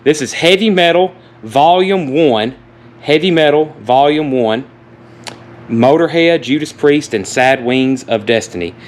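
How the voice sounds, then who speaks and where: A man's voice: on the high side, animated, measured pace. A man hosting a casual live online auction, calling bids and prices like an auctioneer and reading out lists. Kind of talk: casual live sales talk with list reading. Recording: noticeable background noise, live stream.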